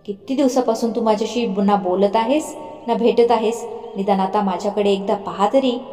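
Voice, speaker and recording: A woman's voice: medium pitch, moderate pace, close to an everyday voice. A woman reading as a playful romantic young man. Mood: tender. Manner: soft, intimate. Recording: roomy reverb, faint music.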